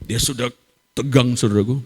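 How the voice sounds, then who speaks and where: A man's voice: medium pitch, steady tone, moderate pace, a little hiss or hum. A man giving a sermon testimony in a church, telling an emotional story and often calling out to the congregation. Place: large church hall. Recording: echoey church hall.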